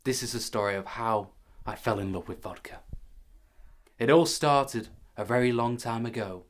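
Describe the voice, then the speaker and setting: A man's voice: mid-range voice, moderate pace, natural voice. An actor playing a young man who loves vodka, narrating his own story and getting annoyed at interruptions. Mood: wistful. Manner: exasperated storyteller, easily interrupted. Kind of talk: comic short-film acting.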